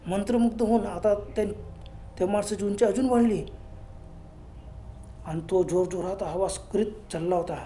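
Mellow-voiced man telling a horror story. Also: high-pitched, steady tone, moderate pace, pauses often, slight background noise. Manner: hushed, suspenseful telling. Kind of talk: spoken horror story narration.

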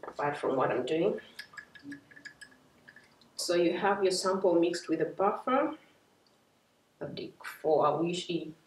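This young working mother talks casually to the camera in a home vlog, her voice low-pitched and a little mellow. She explains things step by step, using filler words. The room is echoey and the mic sits at a distance.

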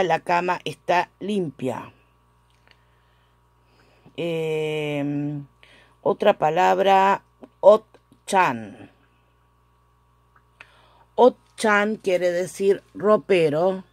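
A woman teaching a language lesson, who repeats each word slowly and corrects her own pronunciation, recorded on a phone. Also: on the low side, darkish tone, no room sound. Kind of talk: slow, careful language lesson. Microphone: phone camera.

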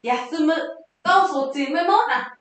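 Lively high-voiced woman teaching vocabulary. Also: fairly quick. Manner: lively, quizzing viewers with questions. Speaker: Japanese teacher. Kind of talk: vocabulary exam lesson. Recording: very echoey room.

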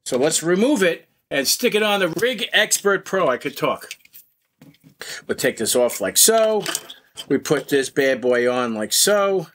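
A man's voice: on the high side, big pitch swings, measured pace, a bit bright, a little hiss or hum. A man hosting a radio hobby video, talking bluntly and emphatically while demonstrating gear. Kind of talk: casual demo talk.

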